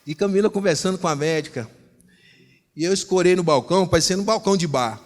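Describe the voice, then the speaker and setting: A man preaching with a Brazilian accent, telling a story in a lively way and acting out the voices in it. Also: sits high, fast talker. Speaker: pastor. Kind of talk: storytelling sermon. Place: church hall. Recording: long reverb in a church hall.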